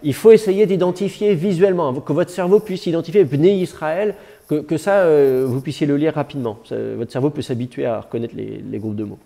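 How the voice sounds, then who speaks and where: A man's voice: fairly high pitch, a little fast, vocal fry, warm tone. A man teaching a classroom lesson, explaining patiently with frequent fillers and restarts.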